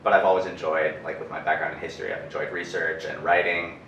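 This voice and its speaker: A man's voice: rumbling low, fast, highs cut off, slight background noise. A young man from Canada, an architecture student, answering casually with many hesitations. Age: young adult. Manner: relaxed, hesitant, many fillers. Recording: echoey room, distant mic.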